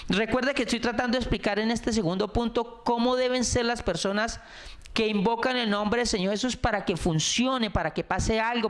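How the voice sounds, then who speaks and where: A man's voice: high voice, a bit bright. A middle-aged male pastor preaching a sermon, earnest and repetitive, stressing key words and shifting his pace.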